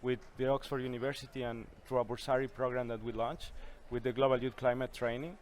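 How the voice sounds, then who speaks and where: A man's voice: medium pitch, steady tone, quick pace. A young man, speaking earnestly as an interview guest at a conference. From Ecuador. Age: young adult. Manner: earnest, with a few restarts. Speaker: youth climate coalition founder, guest. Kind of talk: conversational interview answers. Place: busy conference venue.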